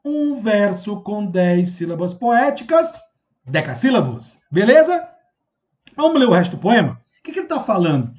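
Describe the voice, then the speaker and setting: A Brazilian man teaches a video lesson on poetry, his voice sitting high. He is animated, with pitch that leaps around as he talks right at his students and keeps checking they follow. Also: moderate pace. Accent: Brazilian Portuguese. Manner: animated, addresses students directly with frequent check-ins. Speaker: literature teacher.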